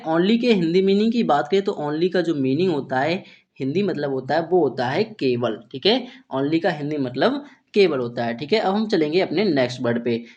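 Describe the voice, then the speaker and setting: Patient Hindi-speaking male English tutor. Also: a little high. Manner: repeats "theek hai" and asks himself questions; slow, patient, step-by-step explaining. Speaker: English teacher. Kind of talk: Hindi-language phonics lesson.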